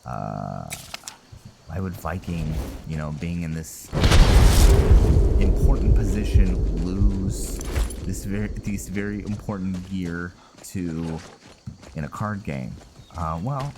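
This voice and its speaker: A man with a low, creaky voice speaks slowly while narrating a roleplay game playthrough, rambling and thinking aloud in hesitant fragments. The audio is very noisy, with loud video game music and sounds behind him.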